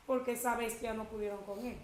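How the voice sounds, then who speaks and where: A woman's voice: fairly high pitch, steady tone, brisk, a little mellow, roomy sound, a little hiss or hum, low-quality recording. A woman preaching a testimony in a sermon, telling her story with emphatic quoted speech.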